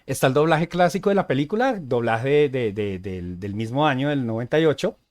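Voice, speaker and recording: A man co-hosting a casual podcast, chatty and easygoing, who often pauses on "eh" and checks in with "¿sí?". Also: mid-range voice, animated, darkish tone. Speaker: podcast co-host.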